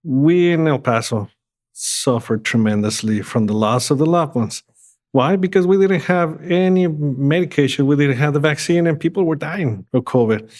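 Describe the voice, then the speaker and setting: A man's voice: on the high side, normal speed, darkish tone. A man speaking as a health authority on a talk show, earnest and urging his listeners.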